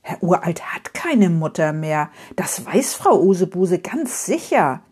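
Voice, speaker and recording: A woman reading a children's story aloud, slow and deliberate. Her voice is breathy, the pitch swings widely, and she drops into whispers for emphasis. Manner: expressive, repetitive, whispered asides.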